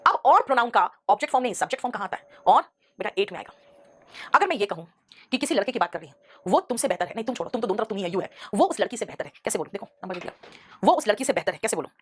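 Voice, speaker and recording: A woman's voice: mid-range voice, expressive, very fast, slightly rough. A middle-aged woman teaching English grammar in a live online class, calling her students "beta", repeating each rule and breaking into scolding asides. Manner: repeats rules, mixes Hindi with English examples.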